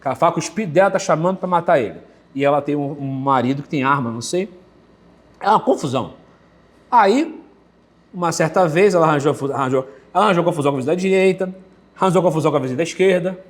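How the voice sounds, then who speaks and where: A male pastor from Brazil, with a Brazilian Portuguese accent, preaching an animated sermon to a men's meeting, full of vivid personal anecdotes and acted quotes. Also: a little high, quick pace.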